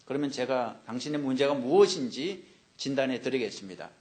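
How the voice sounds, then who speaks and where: A man voicing a calm, clinical male psychiatrist in a joke. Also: medium pitch, a little fast, natural voice.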